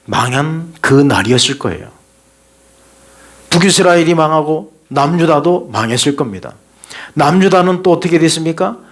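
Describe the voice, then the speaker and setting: A male pastor delivers a sermon, his voice sitting a little higher than most men's. He exhorts his congregation earnestly and keeps them engaged with rhetorical questions. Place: church sanctuary during a live service.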